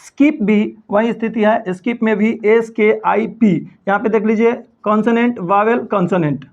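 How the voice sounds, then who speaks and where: A man's voice: high voice, fairly even intonation, normal speed, vocal fry. A man teaching a spelling lesson, who keeps asking his own questions and answering them. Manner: repeats key points as questions and answers them himself. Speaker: English teacher. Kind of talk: spoken lesson explaining spelling rules. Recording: dull lo-fi sound.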